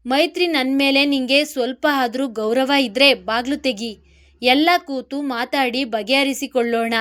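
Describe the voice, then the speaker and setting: A stern but caring middle-aged mother-in-law, voiced by a woman narrator. She speaks firmly in a high voice. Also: unhurried, a bit bright.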